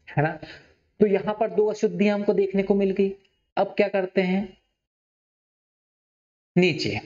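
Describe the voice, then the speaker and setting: A man teaching a Hindi spelling class, asking his students questions and repeating words slowly. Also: high-pitched, darkish tone. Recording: dull, echoey classroom recording.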